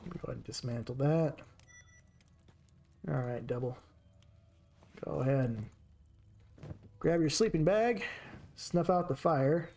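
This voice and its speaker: A man's voice: on the high side, takes it slowly, pauses often, mellow. A man streaming a game with casual commentary, chatting to his characters as he plays.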